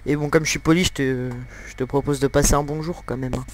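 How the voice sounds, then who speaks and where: A man's voice: a little high, fairly even intonation, fast, a little hiss or hum. A young man giving joking, crude let's-play commentary at home, with lots of fillers and laughter into a desktop mic. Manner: joking, giggly, crude humor, many fillers. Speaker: gameplay commentator.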